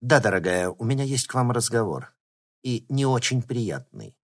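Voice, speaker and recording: A man's voice: medium pitch, big pitch swings, normal speed. A polite but guarded company president, as the reader plays him, choosing his words with care. His worry shows under the courtesy. An audiobook voice in the reader's own register. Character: worried company president, middle-aged man.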